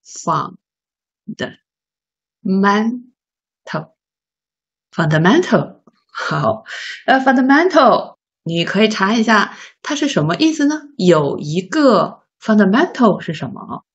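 A woman teaching a beginner English lesson, patiently asking learners questions and sounding out words slowly. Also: medium pitch, sing-song, slightly rough. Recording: slightly dull lo-fi recording.

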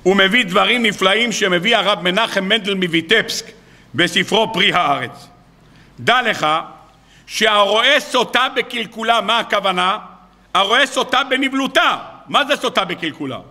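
A man, a rabbi, giving a sermon full of stories and acting out the dialogue with lively voices. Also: sits high. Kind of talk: sermon with storytelling.

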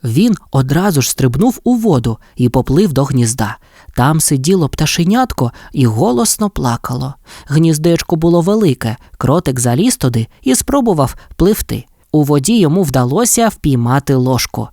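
A Ukrainian woman narrating a children's audiobook with expressive, lively storytelling. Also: low voice, normal speed, dry recording, studio quality.

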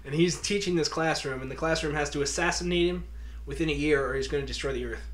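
A man's voice: a little high, quick pace, slight background noise. A young man co-hosting a podcast, joking around and laughing in casual chat, swearing freely. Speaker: podcast co-host.

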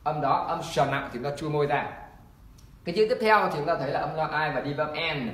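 A man teaching an online pronunciation lesson, repeating example words slowly and encouraging learners. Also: fairly high pitch, a bit bright. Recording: echoey room.

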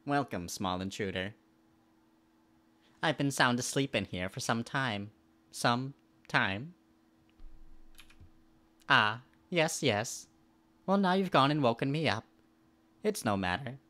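An ancient mystic spirit of regrets, read aloud by a man in a game. The words come slow and drawn out, with a solemn ceremonial air. The pitch sits in an ordinary middle range. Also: expressive, pushed and bright. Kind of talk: voicing in-game dialogue.

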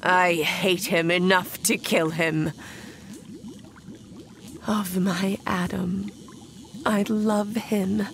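A woman's voice: fairly low pitch, fairly even intonation, drawn-out words, vocal fry, long pauses, heavily acted. A woman playing a vengeful undead bride in an audio horror drama, solemn and dramatic, lapsing into whispers. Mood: grim resolve. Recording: noisy background.

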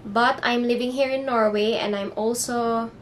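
With slight background noise, a young woman speaking English with a Filipino accent, Filipino being her first language, does a chatty haul vlog from her bedroom. Her fairly high voice moves at normal speed with fairly even intonation, hesitating as she searches for words.

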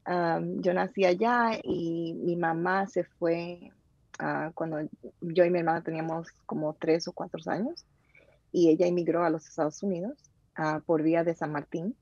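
Low, gravelly woman guest. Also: fairly even intonation, darkish tone, no echo, muffled recording. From Dominican Republic. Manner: halting, many fillers, switches into English. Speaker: interview guest, tech manager. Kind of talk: conversational interview.

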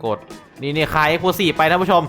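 A man hosting a game video, giving excitable, casual commentary full of laughter and casual swearing. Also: fairly high pitch, moderate pace, soft background music. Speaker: gaming channel host.

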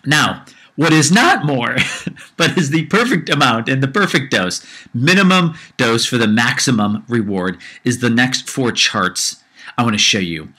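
Unhurried yet lively in intonation, a man with a mid-range, sharp-toned voice rants on his own podcast. It's a casual solo rant that grows more heated, full of repetition, and a low-grade cold tints his voice slightly.

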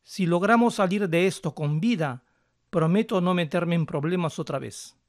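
A man calmly explaining English pronunciation step by step as a language teacher, slowing down to model words. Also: sits high, dry recording, studio quality. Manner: calm, methodical, slows down to model words.

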